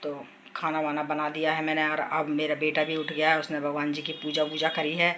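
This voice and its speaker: A woman's voice: sits low, monotone, fairly quick, fairly bright tone, slight background noise. A middle-aged woman vlogging casually from her home kitchen while unwell, chatting at length and retelling conversations with family.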